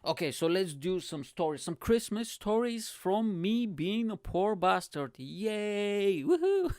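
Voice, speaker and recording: A man's voice: high-pitched, sing-song, slow pace, a little mellow, no room sound, studio quality. A man in his thirties from Bulgaria, hosting his own show in a rambling, profane, laugh-filled monologue to camera. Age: 30s. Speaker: show host.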